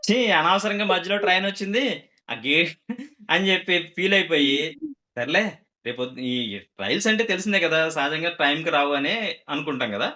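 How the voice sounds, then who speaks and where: A man's voice: a little high, a little fast, bright, forceful tone, lo-fi sound. A man telling a comic story to a group, acting out the characters' quoted lines.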